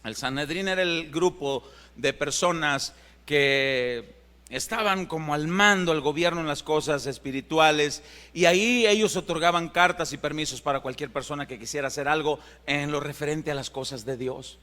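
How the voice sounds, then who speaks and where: A man's voice: a little high, normal speed, pushed and bright. A male pastor with a Mexican Spanish accent preaching an impassioned sermon in a church, building to emphatic climaxes. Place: church sanctuary. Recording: long church hall reverb.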